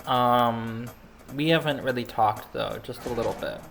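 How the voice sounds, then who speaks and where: A man's voice: medium pitch, measured pace, vocal fry, music in the background. A man giving casual, rambling commentary over video game replays, chatting while he snacks. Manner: rambling, laid-back, snacking while talking.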